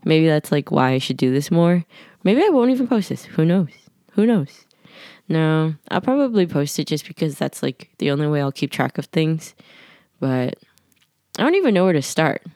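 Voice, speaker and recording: Late at night at home, a young adult woman keeps a casual podcast voice diary, scatterbrained and rambling, packed with "like" and other fillers. Her low, warm voice carries a slight nasal quality and big pitch swings at a normal speed, recorded in clean studio sound without echo.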